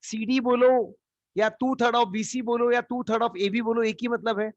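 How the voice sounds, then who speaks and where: A man's voice: very high-pitched, steady tone, normal speed, no room sound. A man teaching a live geometry class, coaxing students with repeated questions. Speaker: math teacher. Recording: dull lo-fi online class audio.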